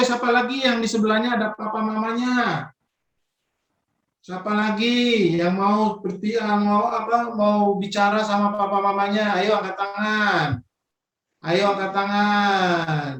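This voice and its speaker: Over a video call, a man with a high, fairly bright voice runs a children's Sunday school session, a kind of online worship Q&A. He coaxes the kids along with playful questions, and the sound is reverberant.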